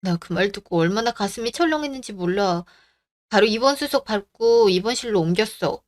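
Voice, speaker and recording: A woman's voice: mid-range voice, lively intonation, a little fast, close to an everyday voice. Woman as a caring, insistent daughter. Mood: worried. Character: caring, worried grown daughter. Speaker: daughter and wife. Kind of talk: radio drama acting.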